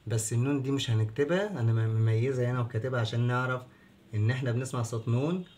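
A man's voice: medium pitch, a little mellow, slight background noise. Egyptian guy teaching kids letters at a board, patient, asks then answers, stretches words way out. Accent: Egyptian Arabic. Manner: patient, asks questions and answers them, drags out words slowly. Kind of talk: children's whiteboard lesson.

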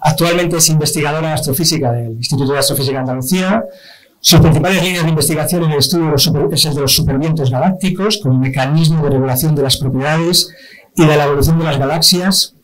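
A man moderating a science outreach event, telling a story in an animated way, acting out quoted dialogue and repeating words for emphasis. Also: a little high, quick pace, rough recording. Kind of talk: live presentation, anecdotal storytelling.

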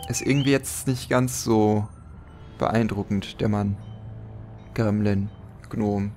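A man's voice: lowish voice, steady tone, slow pace, darkish tone, faint music behind. A man giving casual, joking game commentary as a let's player, thinking aloud as he plays.

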